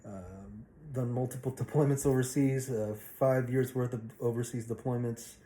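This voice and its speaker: A man in his forties from the Philippines introducing himself to a class in a casual, halting way with many fillers. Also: mid-range voice, fairly even intonation, warm tone, reverberant, poor audio. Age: 40s.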